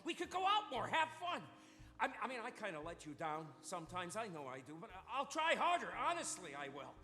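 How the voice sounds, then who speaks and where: A man's voice: sits high, huge pitch swings, brisk, pushed and bright, faint music behind, full character voice. A man playing a middle-aged salesman husband, stammering and pleading, in a stage production. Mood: eager. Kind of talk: stage musical acting. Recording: theater stage with long reverb.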